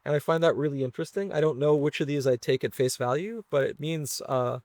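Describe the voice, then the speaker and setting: A man appears as an interview guest, a venture investor and software engineer, casually talking through technical ideas. He reasons aloud with hedges and tag questions, his voice a little high, fairly quick and a little mellow, with no echo.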